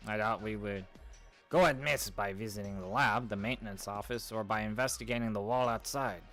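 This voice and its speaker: A man's voice: lowish voice, brisk, a bit bright, faint music behind. A man playing through a visual novel and reading every character's lines aloud, switching between put-on voices and sometimes hammy accents. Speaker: let's play host reading game dialogue aloud.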